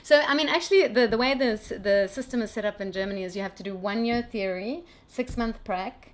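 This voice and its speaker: Speaking a little fast at a medium pitch, a middle-aged brand founder from South Africa walks through her technical background during a relaxed interview, frequently starting her sentences over.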